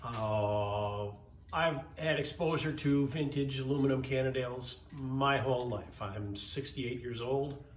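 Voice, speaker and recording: A man's voice: medium pitch, measured pace. A man in his fifties hosting a casual vlog to camera, rambling and correcting himself as he talks enthusiastically in an indoor workspace. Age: 50s. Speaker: channel host. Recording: roomy echo, faint background hiss.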